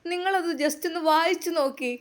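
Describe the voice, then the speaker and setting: Woman playing a tearful young wife, high, shaky, protesting. Story reading. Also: moderate pace. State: crying. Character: young wife, wounded and crying.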